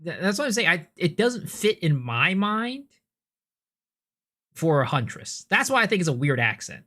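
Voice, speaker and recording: Excitable, stammering man streaming games. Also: high voice, normal speed. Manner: animated, stammers and repeats words when excited. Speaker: game streamer. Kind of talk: live stream reaction chat.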